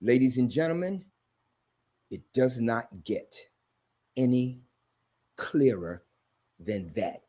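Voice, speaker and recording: A man's voice: medium pitch, sing-song, slow, pauses often, dark tone. A man hosting a sermon-style commentary, talking in an emphatic, repetitive preaching cadence. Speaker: host.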